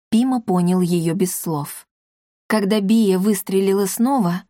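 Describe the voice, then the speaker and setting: A woman narrating a children's fantasy book in steady, expressive scripted storytelling. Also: mid-range voice, dry recording, studio quality. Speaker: audiobook narrator.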